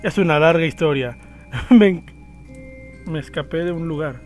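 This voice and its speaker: A lost, confused ten-year-old girl, as a man reads her lines from a game with small stumbles. The voice sits fairly high for a man, with faint music underneath. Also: moderate pace, a little mellow, natural voice. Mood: earnest. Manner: reads lines from the screen with slips.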